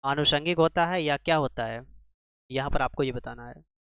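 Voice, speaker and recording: A man's voice: medium pitch, normal speed, fairly bright tone, clean tone, no room sound, studio quality. A man teaching a spelling lesson for exam preparation, quizzing the class with rhetorical questions and repeating each answer. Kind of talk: exam-prep grammar lesson.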